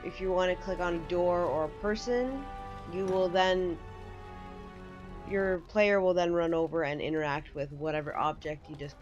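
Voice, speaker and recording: A woman hosts a casual, conversational video game walkthrough, explaining things as she goes over game music. Her voice sits on the low side. The recording sounds muffled.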